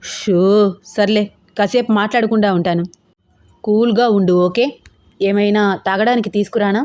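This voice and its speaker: A woman's voice: medium pitch, fairly even intonation, moderate pace, darkish tone, dry recording, clean studio sound, close to an everyday voice. A woman playing a teasing young husband. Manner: cajoling, teasing.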